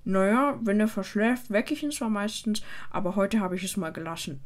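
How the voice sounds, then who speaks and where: A woman's voice: on the high side, brisk, mellow, close to an everyday voice. A woman voicing a troubled teenage boy wizard who speaks in an emotional, pleading way. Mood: casual.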